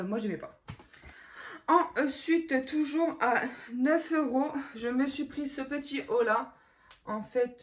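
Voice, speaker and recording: A woman talks through her shopping haul in a loose, chatty vlog style. Her voice sits a little on the high side, and she teases herself as she goes, filling pauses with quick fillers. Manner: chatty, self-mocking, many fillers. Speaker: fashion haul vlogger.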